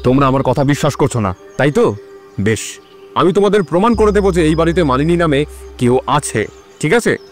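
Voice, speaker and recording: A restless, quick-tempered young husband, played by a young man in an audio story. He talks insistently, slightly high for a man, with a lively, swinging pitch. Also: faint music behind. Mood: angry. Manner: insistent, rising to anger. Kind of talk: audio drama acting.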